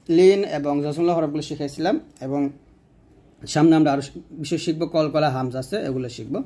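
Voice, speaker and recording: Guy teaching quran letters, kinda high voice, says each syllable slow, trails off quieter. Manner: slow syllable-by-syllable drilling, repetitive. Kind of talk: spelling out Arabic letters and vowel marks.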